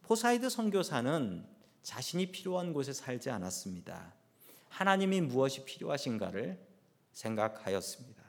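A man's voice: medium pitch, sing-song, moderate pace, vocal fry. A man who is a pastor, preaching a sermon and telling a story with rising and falling emphasis.

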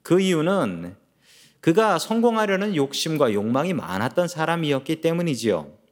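Animated male pastor preaching. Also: a little high, normal speed. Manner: storytelling, asks the congregation questions. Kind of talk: sermon.

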